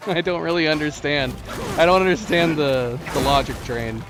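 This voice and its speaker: A gaming streamer with an American accent speaks at a moderate pace in a slightly high voice, casually narrating his play, chatting with viewers and laughing frequently. Game music plays beneath him.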